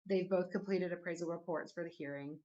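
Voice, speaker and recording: A woman's voice: fairly low pitch, steady tone, a little fast, darkish tone, muffled recording. A woman giving a formal hearing presentation, careful and hesitant, reading figures with many fillers.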